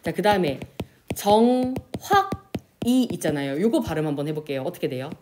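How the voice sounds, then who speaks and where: A woman teacher giving a classroom lesson, asking questions and answering them herself, and drawing out example words slowly. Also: low voice, noisy background. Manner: lively, pronounces example words slowly and drawn out. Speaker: Korean language teacher. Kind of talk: classroom lecture.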